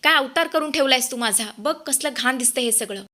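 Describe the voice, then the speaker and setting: A spoiled young man wails and accuses, his voice high and sharp-edged. A woman narrator acts him out without dropping much below her own range. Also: a little fast. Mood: wailing.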